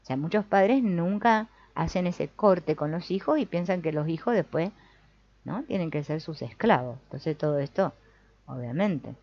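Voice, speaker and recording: Low-voiced woman leading a reflective group talk. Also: no room sound. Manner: reflective, often adds a questioning "no?" or "mm?". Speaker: family constellations group leader. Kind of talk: reading a book aloud and commenting to a group. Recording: dull lo-fi, dry sound.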